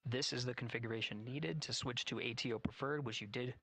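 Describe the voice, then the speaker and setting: A man giving measured, factual live spaceflight commentary as a mission control announcer. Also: medium pitch, gravelly, pushed and bright.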